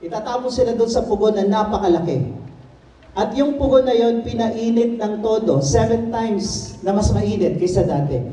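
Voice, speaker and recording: A man's voice: high voice, normal speed. A man with a Filipino accent preaching a sermon, switching between Tagalog and English, reading scripture and acting out its scenes. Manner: switches between Tagalog and English, reads Bible verses then explains them; acts out scenes, shouting some lines and dropping to a whisper on others. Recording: echoey room, far from the mic.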